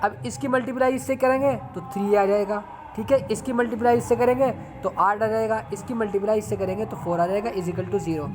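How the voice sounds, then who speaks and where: A man's voice: high voice, fairly even intonation, brisk, hardly any pauses, noisy background. A man teaching a math lesson step by step, repeating phrases and often checking in with his viewers. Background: background music.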